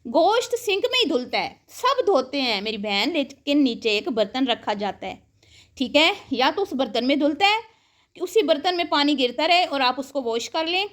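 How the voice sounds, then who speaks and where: A woman with a high, slightly bright voice gives sarcastic, scolding reaction commentary as an online commentator responding to other creators. She calls the viewer her sister.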